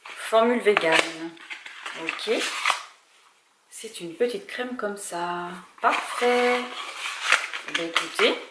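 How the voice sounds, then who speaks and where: Unhurried woman chatting casually at home. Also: fairly high pitch, very noisy. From France. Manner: chatty, thinking aloud with small hesitations. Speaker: vlogger. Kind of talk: casual chat.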